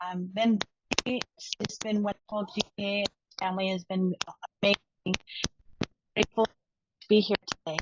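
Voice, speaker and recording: A woman's voice: medium pitch, little pitch movement. Woman on a glitchy, breaking-up video call. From Ventura, California. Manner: halting, hesitant, stops and restarts. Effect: choppy audio breaking up on a video call. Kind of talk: casual greeting on a group call. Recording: dull lo-fi call line with faint noise and clicks.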